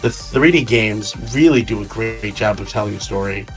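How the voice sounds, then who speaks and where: A drunk man in a casual fan discussion, rambling and halting as he repeats and restarts his phrases. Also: lowish voice. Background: music.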